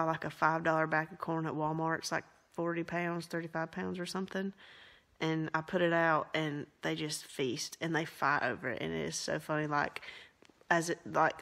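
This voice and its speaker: A woman's voice: sits low, creaky, fairly bright tone, poor audio. A young woman chatting casually in her kitchen for a vlog, rambling and poking fun at herself. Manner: chatty and rambling, self-mocking, laughs often. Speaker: vlogger. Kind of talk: casual chat. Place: home kitchen.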